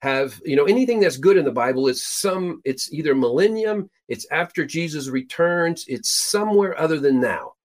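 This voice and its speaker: A man's voice: lively intonation, normal speed, few pauses. Emphatic middle-aged man teaching scripture. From Peru. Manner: emphatic, building to stressed high points. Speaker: host and Bible teacher.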